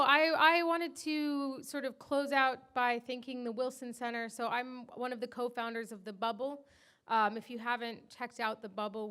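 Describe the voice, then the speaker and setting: An American woman in her thirties from the Washington area, co-founder of a digital media company, gives chatty, informal closing remarks at a panel event. Her voice is fairly high and fairly bright, with a clean tone.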